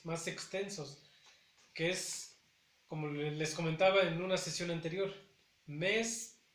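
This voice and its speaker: A man's voice: fairly high pitch, a bit bright, roomy sound. A man teaching a language lesson, carefully repeating each word with hesitant fillers between phrases. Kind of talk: slow spoken language lesson.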